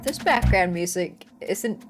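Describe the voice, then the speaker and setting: A woman streaming live gameplay, talking in an animated, playful way and swearing casually. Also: on the low side, slow pace. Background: faint game music.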